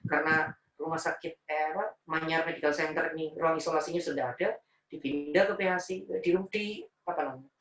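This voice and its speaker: Fast-talking Javanese-accented male preacher, echoey room. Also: a little high, far from the mic. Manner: emotional, animated storytelling, mixing in Javanese words. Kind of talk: personal story in a religious talk.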